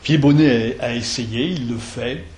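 A man giving a lecture on verse translation, talking in a digressive, halting way with many restarts, reciting lines of poetry and tapping out their rhythm aloud. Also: mid-range voice, darkish tone. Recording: roomy lecture hall recording, faint noise.

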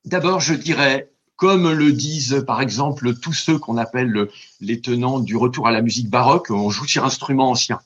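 Man, scholarly guest, husky slightly high voice, dull lo-fi sound, rambling and stammering. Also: normal speed, hardly any pauses. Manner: digressive, stammering restarts, lively demonstrations of recited verse. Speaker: translator and scholar of ancient Greek. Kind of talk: radio interview, explaining at length.

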